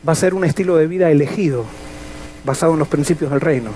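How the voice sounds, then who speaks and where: A man's voice: fairly high pitch, fast, warm tone, a little hiss or hum. A male pastor preaching a sermon in an earnest, emphatic way, asking the congregation rhetorical questions. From Latin America.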